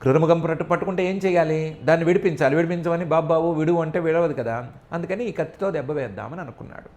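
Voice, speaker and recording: A middle-aged man speaks with a Telugu accent in a slightly high voice. He is giving a devotional discourse, chanting Sanskrit verses and then retelling them as a lively story in Telugu. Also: fast. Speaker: scripture expounder.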